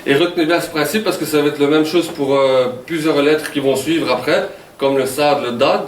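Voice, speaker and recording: A male teacher from Wallonia, speaking with a Walloon Belgian French accent, guides a class through new material patiently, repeating and checking understanding with a joke now and then. His voice sits at an ordinary pitch. The mic catches him from a distance, in a classroom with a lot of echo and some faint noise. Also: normal speed. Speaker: Arabic teacher. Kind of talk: classroom lesson. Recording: echoey classroom from far off.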